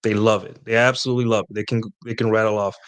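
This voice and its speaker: A man's voice: fairly low pitch, flat delivery, very fast, fairly bright tone, clear, resonant tone. A man speaking in a casual, rambling way, giving dating advice to viewers and often checking in with "right?". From Latin America. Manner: rambling, conversational, frequent "right?" tag questions.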